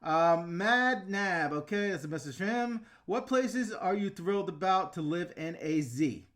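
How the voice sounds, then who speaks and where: A man's voice: high voice, lively intonation, unhurried, a bit bright. A man in his thirties from the New York and New Jersey area, hosting a casual livestream Q&A, frank and loose with frequent ums and laughs. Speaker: channel host answering live chat.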